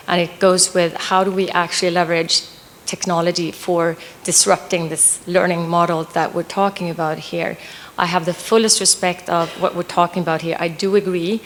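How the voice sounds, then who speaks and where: A woman's voice: fairly low pitch, slight background noise. A woman from Sweden in the audience of a panel discussion, earnestly giving a long background before her question. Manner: earnest, explains at length before asking. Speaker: audience member asking a question. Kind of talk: panel Q&A, speaking from the floor. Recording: reverberant conference hall.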